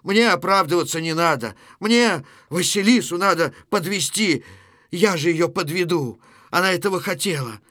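A man reading a play aloud, voicing a violent young thief who shouts in anger. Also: sits high, lively intonation, moderate pace, no echo, studio quality, pitched above the performer's own voice. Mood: defiant. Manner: harsh, angry shouting.

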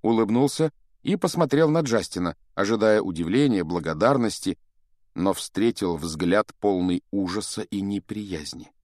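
A man reads a storybook aloud in a low voice with a lively, rising-and-falling delivery. He acts out each character as he goes. The recording is dry and close, with no room sound. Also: normal speed, no echo. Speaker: audiobook narrator. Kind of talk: expressive storybook narration.

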